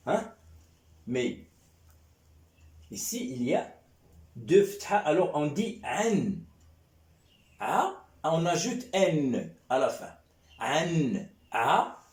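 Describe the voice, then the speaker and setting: Slow, echoey-voiced male teacher. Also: a little high, darkish tone. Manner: slow, repetitive, checking in with "hein?" and "d'accord?". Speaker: Arabic teacher. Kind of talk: classroom lesson. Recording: echoey room.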